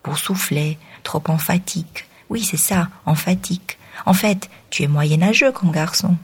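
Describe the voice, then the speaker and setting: A blunt, joking male friend, teasing in low, hushed tones, as a woman reader gives him voice. The sound is husky and deep for a woman. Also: unhurried. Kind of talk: audiobook reading.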